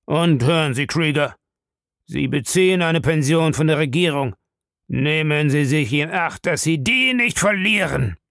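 A man's voice: on the high side, lively intonation, measured pace, vocal fry, a bit bright, no room sound, clean studio sound, voice pushed up, full character voice. A man reading an audiobook, voicing a bulky, bullying old man who bellows. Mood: roaring.

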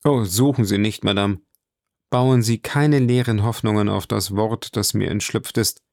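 Audiobook: male reader as a solemn nobleman, low and gravelly. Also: steady tone, a little mellow, no room sound, clean studio sound. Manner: measured and solemn. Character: mysterious noble count, grave and composed.

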